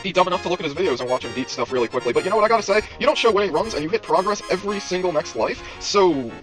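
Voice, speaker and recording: A man's voice: sits high, lively intonation, racing, faint music behind. A man hosting a let's play, rambling in casual commentary and talking straight to his viewers with self-deprecating asides. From United States.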